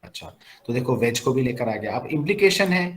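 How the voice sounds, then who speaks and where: A man with a mid-range voice teaches logic in a classroom-style lecture shown on a recorded screen, speaking briskly over poor audio. He's lively, poses questions and answers them himself, and slips in English phrases.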